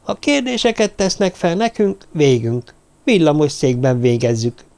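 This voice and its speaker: A man voicing a desperate, high-strung dwarf woman in an audiobook. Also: animated, gravelly, mellow. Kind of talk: audiobook character voice.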